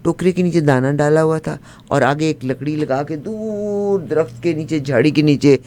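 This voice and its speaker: A man's voice: fairly high pitch, moderate pace, slight background noise, close to an everyday voice. A man with a Punjabi accent playing a chatty middle-aged woman who tells a comic folk tale and chants its funny lines over and over. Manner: lively, animated narration with repeated chants. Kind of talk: comic storytelling.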